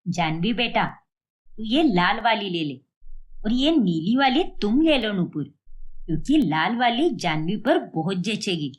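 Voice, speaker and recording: Bossy middle-aged mother, voiced by a woman, scolding, insistent, animated pitch. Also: a little slow. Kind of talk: animated storybook voice acting.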